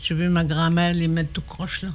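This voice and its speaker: An older woman, teaching a radio language lesson, slow and patient, repeating each word carefully. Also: lowish voice, little pitch movement.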